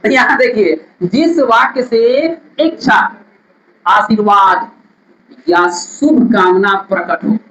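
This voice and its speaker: A man's voice: high voice, slow, pauses often, fairly bright tone, reverberant, poor audio. A male teacher, giving a classroom grammar lesson, repeating definitions and quizzing his students.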